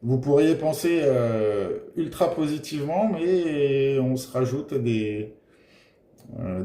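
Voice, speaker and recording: A man giving a casual tarot reading to his viewers, gentle and encouraging, pausing often with filler sounds. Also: medium pitch. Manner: hesitant, full of filler pauses. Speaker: tarot card reader. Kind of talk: casual tarot guidance monologue. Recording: roomy echoey room.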